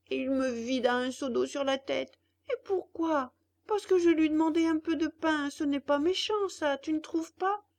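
Woman doing Pinocchio, a high whiny puppet boy. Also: a little mellow, close to an everyday voice. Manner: whining and demanding, fussy. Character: whiny hungry boy puppet, bratty and fussy. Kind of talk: storybook reading.

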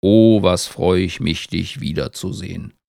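Storybook beetle, male, careful and measured, low gravelly voice, from the reader. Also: steady tone, darkish tone, no echo, clean studio sound. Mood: friendly. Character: small male crocheted beetle, thoughtful, cautious.

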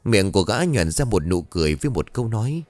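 A man narrating a ghost story with an animated, dramatic telling. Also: fairly low pitch, fast, dry recording. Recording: dry studio voice with faint music.

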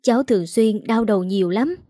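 A woman's voice: medium pitch, a little fast, warm tone, dry recording, studio quality, natural voice. A woman voicing a young female model who pleads, stammers and sobs. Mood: pleading tearful.

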